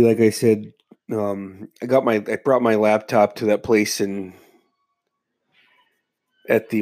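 Sick with a stuffy nose and a slight cough, a podcast host rambles through his casual solo show, his fairly low, slightly mellow voice muffled and congested. He's laid-back and swears a lot.

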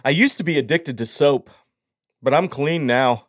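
A man's voice: medium pitch, normal speed, a little hiss or hum. A man hosting a podcast, swapping dad jokes and stories in a jokey, self-mocking way. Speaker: podcast host. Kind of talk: casual chat, trading dad jokes.

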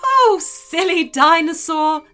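A woman's voice: very high-pitched, lively intonation, slow, pushed and bright, faint music behind, pitched above the performer's own voice, full character voice. A woman voicing a busy, kindly river in a storybook, chirpy and teasing.

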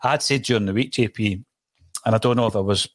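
Broad Scottish male podcast host, lowish voice. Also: fast, dry recording, clean studio sound. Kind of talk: conversational football talk.

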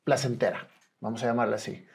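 A man's voice: mid-range voice, flat delivery, quick pace, gravelly, breathy edge. A man hosting an interview, asking questions and affirming attentively. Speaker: interview host.

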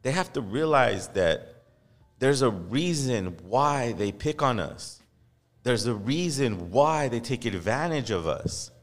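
This podcast host from Los Angeles speaks slowly in a medium-pitched, animated voice, keeping the talk casual but heated. Impassioned and full of profanity, he mocks others by quoting them in put-on voices. The studio recording carries long hall reverb and faint music.

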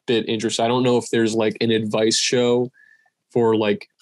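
A man's voice: fairly low pitch, flat delivery, moderate pace, dry recording, studio quality. A man in his twenties co-hosting a casual podcast chat, rambling with many restarts and fillers. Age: 20s. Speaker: podcast co-host.

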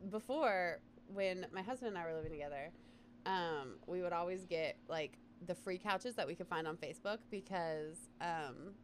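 A young woman co-hosting a casual chat, expressive and profane, reacting strongly. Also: on the low side, normal speed, a little hiss or hum. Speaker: podcast co-host.

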